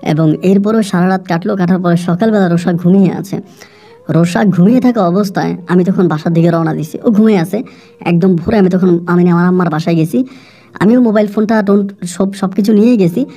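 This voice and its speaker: Woman narrator, emotional first-person storytelling, low and mellow. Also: fairly quick. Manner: conversational, frequent fillers, emotional.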